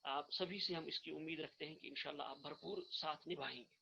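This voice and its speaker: A man teaching an online course, earnest, repeating his points and reciting the letters slowly, in a dull lo-fi recording. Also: a little high, fairly even intonation, gravelly, bright, forceful tone, slight background noise. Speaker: Arabic grammar teacher. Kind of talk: online lecture.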